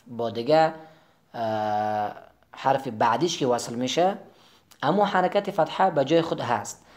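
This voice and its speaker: A man's voice: fairly high pitch, darkish tone. Man teaching Quran letters. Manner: slow, drawn-out letter drills between quick explanations. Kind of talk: recorded lesson.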